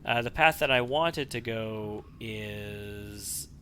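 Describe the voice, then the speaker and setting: A video game let's player gives casual, analytical commentary on his gameplay, sometimes repeating himself as he thinks it through. His voice sits on the low side and is slow, bright and forceful. Faint background noise can be heard.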